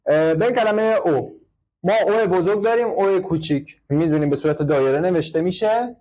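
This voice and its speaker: A man with a fairly high voice teaches a classroom English lesson. He explains patiently, repeats each word and keeps putting questions to the class. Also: warm tone.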